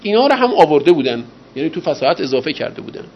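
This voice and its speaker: Lecturing man, questions to class. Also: gravelly. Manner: asks rhetorical questions and answers them himself; lively pitch and loudness, slows for emphasis. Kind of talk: university lecture on rhetoric. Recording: slightly dull, faint ambient noise.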